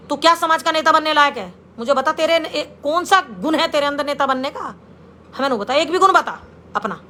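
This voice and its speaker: A middle-aged woman delivers a confrontational public statement. Her voice sits high and sounds sharp and bright. She scolds her rival head-on and speaks to him directly. A faint hiss of noise runs under her voice.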